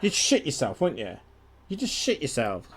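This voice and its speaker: A man's voice: mid-range voice, huge pitch swings, moderate pace. A young man streaming a game, chatting casually and animatedly, swearing freely. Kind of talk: casual gaming chat.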